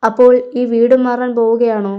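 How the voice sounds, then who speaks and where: An anxious mother, fretting over her family, read by a woman telling the story. The voice is smooth and fairly high. The audio is a little dull. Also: little pitch movement, moderate pace, close to an everyday voice. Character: worried, anxious mother and wife.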